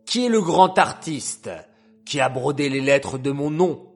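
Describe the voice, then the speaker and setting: A man's voice: on the high side, lively intonation, measured pace, gravelly, soft background music, heavily acted. A man doing an imperious lord. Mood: gracious. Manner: commanding, imperious. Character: proud male lord, quick to rage.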